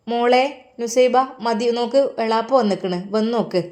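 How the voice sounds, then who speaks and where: A woman's voice: mid-range voice, steady tone, fairly quick, warm tone, natural voice. A woman voicing a worried, loving mother calling to her daughter in a storybook telling. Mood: anxious calling.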